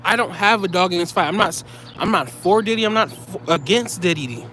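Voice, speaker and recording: High-voiced man ranting bluntly. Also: fairly quick, bright, forceful tone, a little hiss or hum. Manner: blunt, profane, heated ranting. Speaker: commentator. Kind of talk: ranting commentary to viewers.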